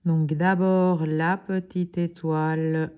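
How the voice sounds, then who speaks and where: A woman hosting a nail art tutorial, talking slowly and calmly through each step. Her voice sits a little low, and she keeps a relaxed, unhurried pace, pausing now and then with small hesitations. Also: lo-fi sound, soft background music. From Belgium. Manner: calm, unhurried, explains each step softly. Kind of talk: casual step-by-step demonstration.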